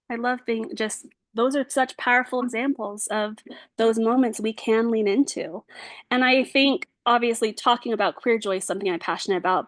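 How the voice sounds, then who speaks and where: A woman's voice: a little high, no echo. A woman giving an informal lecture to an audience, affirming and conversational, with frequent casual fillers. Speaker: lecturer and social worker. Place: bookstore event space.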